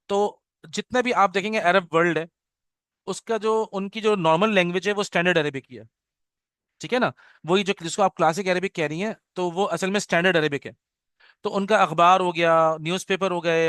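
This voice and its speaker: A middle-aged Arabic teacher leads an online class orientation over a video call, his voice sitting high with a steady, fairly bright and clean tone. He mixes English into his Urdu and keeps checking in with students by asking "okay?". The recording is dry and studio quality.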